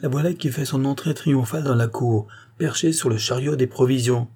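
A man's voice: mid-range voice, a little fast, mellow, pitched above the performer's own voice, lightly acted. A man voicing a young hostess in a storybook, speaking with dry, mock-serious irony. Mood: teasing. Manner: dryly ironic, mock-serious. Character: teasing young lady of the house.

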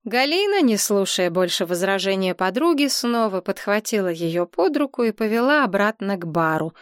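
A woman with a medium-pitched voice narrates an audiobook in an even, measured reading. The studio-quality recording has no echo.

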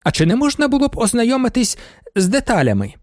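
An eager count with a raised, lively voice, asking and pledging quickly, as a male reader puts him on. The sound is dry and close. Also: very high-pitched, dry recording, voice pushed up, heavily acted. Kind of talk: audiobook character voice.

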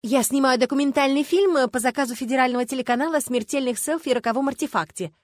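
A woman reading an audiobook, voicing a brash, pushy middle-aged woman who shouts and rushes after people. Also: no echo, clean studio sound, close to an everyday voice. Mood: shouting, excited. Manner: shrill shouting.

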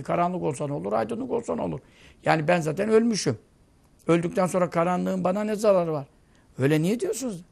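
A man's voice: sits high, vocal fry. A man giving a sermon, telling vivid stories and asking rhetorical questions. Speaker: preacher.

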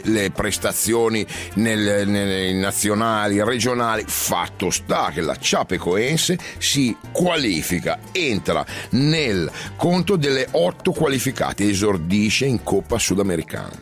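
Animated man telling football stories over music. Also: on the low side. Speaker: narrator and host. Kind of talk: conversational radio storytelling about football. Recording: music playing under the voice.

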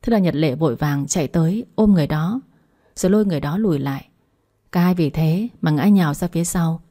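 Story narrator, woman, low and mellow, steady delivery. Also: fast talker. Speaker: audiobook narrator.

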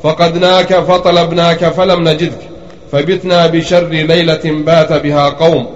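A man with a somewhat high voice reads a classical text aloud in a measured, slightly chanted way. The recording is muffled and dull. It sits in a roomy space with plenty of echo. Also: level tone. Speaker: student reading the text aloud. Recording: lo-fi recording in an echoey room.

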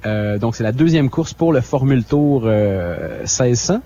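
A man's voice: mid-range voice, lively intonation, measured pace, dark tone, highs cut off. A man co-hosting a radio show, reading out a schedule with many fillers and self-mocking asides. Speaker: radio co-host.

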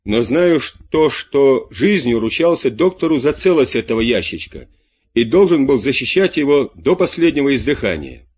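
A man's voice: medium pitch, sing-song, moderate pace, slightly rough. A man playing a frantic old farmer. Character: anxious older male farmer, frantic and guilt-ridden.

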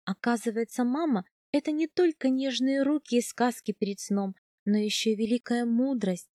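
A woman narrating a first-person audiobook in a calm, even storytelling manner. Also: fairly high pitch, moderate pace, no room sound, studio quality.

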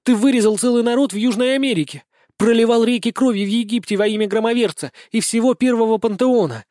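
A man's voice: very high-pitched, fast, darkish tone, no room sound, clean studio sound, pitched above the performer's own voice. A man voicing a fierce, hot-tempered young she-wolf woman who snarls and hisses. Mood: furious. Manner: snarling, furious, hissing.

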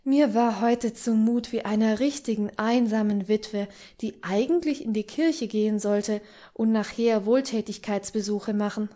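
Slow, mellow woman reading aloud. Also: mid-range voice, steady tone. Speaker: narrator. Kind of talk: audiobook reading.

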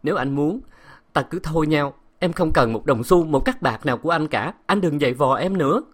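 A man voicing a desperate young wife who begs and pleads in a raised, high voice. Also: lively intonation, fairly quick. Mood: pleading.

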